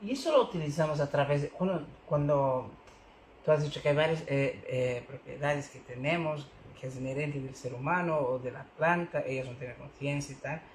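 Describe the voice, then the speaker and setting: A man's voice: on the high side, moderate pace, echoey room, a little hiss or hum, rough recording. A man interviewing, often interjecting short affirmations and asking thoughtful questions. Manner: frequent brief affirmations, supportive interjections. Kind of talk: conversational interview.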